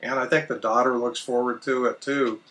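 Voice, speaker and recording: A middle-aged man telling a personal story as a vlogger, in a casual, plain-spoken and measured manner. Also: mid-range voice, flat delivery, a bit bright, recorded from a distance. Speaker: vlogger recounting RV life.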